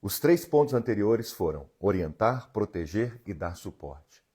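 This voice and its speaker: A man's voice: lowish voice, sing-song, unhurried, mellow, breathy edge. A man. He is an emotional healing therapist who talks earnestly and directly to viewers on a live stream from his home. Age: 40s. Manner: earnest, coaching, talks straight to the audience and reads their comments.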